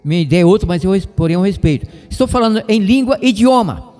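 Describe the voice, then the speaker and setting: High-voiced Brazilian man teaching Scripture. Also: expressive, fast, mellow, big-room sound. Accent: Brazilian Portuguese. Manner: rambling, digressive, jokey asides. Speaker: radio Bible teacher. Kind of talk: informal radio Bible lesson.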